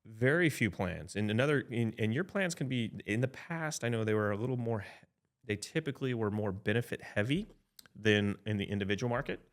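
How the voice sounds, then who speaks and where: A man in his fifties with a lowish voice talks through insurance options as an advisor in a loose podcast conversation. He thinks aloud, backs up and restarts, and keeps tossing in "right?" to check that his listener is following. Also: lively intonation, a little fast. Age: 50s. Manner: chatty, frequent "right?" tag checks and restarts. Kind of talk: casual podcast explanation.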